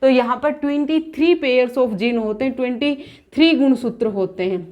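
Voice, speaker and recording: High-voiced woman teaching an exam lesson. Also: normal speed, dull audio. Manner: explains by asking questions and answering them; restates terms in both English and Hindi. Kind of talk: exam-prep lecture.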